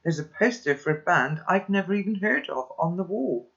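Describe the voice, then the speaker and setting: Casting: calm first-person storybook narrator, mid-pitched, lo-fi sound. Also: moderate pace. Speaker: reader. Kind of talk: reading a children's novel aloud.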